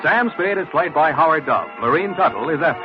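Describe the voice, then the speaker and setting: A man's voice: a little high, expressive, a little fast. A man announcing credits in a formal 1940s radio style. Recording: dull old radio recording over music.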